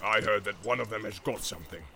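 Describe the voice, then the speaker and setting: A pompous, domineering orc captain, put on by a male reader. He growls every word with a gravelly, low, deliberate weight. A faint hiss sits under the voice. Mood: commanding. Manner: growling, slow and commanding.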